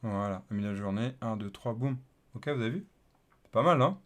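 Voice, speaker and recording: A man's voice: on the low side, expressive, normal speed, slight background noise. A man talking through a casual coding screencast, thinking aloud as he types, with lots of fillers and repeated okays. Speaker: developer teaching coding. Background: keyboard typing and clicks.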